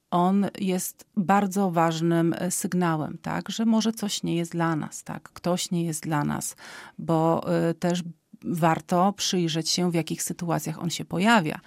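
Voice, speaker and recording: A woman with a low voice and a gravelly edge to it answers interview questions as an expert. She explains at an even, patient pace, pauses on fillers and closes her points with a quick checking question. The recording is dry and close. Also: dry recording. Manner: calm and explanatory, often ends points with a questioning "tak?"; frequent hesitation fillers. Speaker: psychology expert guest.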